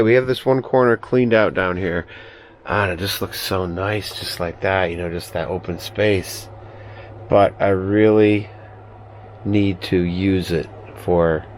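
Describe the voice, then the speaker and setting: Low-pitched man rambling inside a small trailer. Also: a little hiss or hum. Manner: rambling, thinking aloud. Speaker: vlogger. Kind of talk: casual vlog chat, narrating chores.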